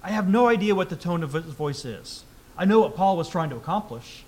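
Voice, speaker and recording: High-voiced man preaching a sermon. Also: lively intonation, a little fast. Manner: reads scripture aloud with rising emphasis, then explains in a quieter tone.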